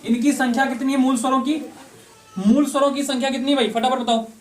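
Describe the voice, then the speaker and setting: A man's voice: very high-pitched, steady tone, quick pace. A man teaching an online exam-prep class. He asks questions and answers them himself, repeating the key points. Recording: voice somewhat distant from the mic.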